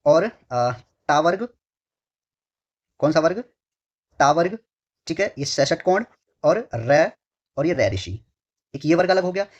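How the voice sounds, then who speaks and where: A male tutor leads an online exam-prep lesson, asking questions and answering them himself, repeating phrases several times, and affectionately addressing his students. His fairly high voice is animated but slow, with frequent pauses, on a dull lo-fi recording.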